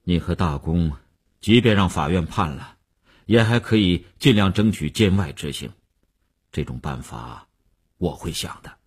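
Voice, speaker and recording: A middle-aged tycoon under pressure, grave and decisive, barking sharp orders, as a male storyteller plays him. The voice is low and husky, with lively swings in pitch. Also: unhurried, heavily acted.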